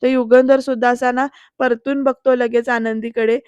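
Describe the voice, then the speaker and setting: A woman's voice: fairly high pitch, level tone, moderate pace, a little mellow, clear, resonant tone, no echo, muffled recording. A woman recounting a serial episode in voice-over, talking straight to her viewers in a storytelling way. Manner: storytelling, addressing viewers directly. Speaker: serial reviewer.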